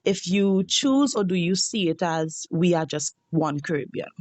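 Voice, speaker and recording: A woman's voice: fairly low pitch, lively intonation, measured pace, a little mellow, no echo. A woman student interviewing a guest, asking questions and giving brief affirming replies.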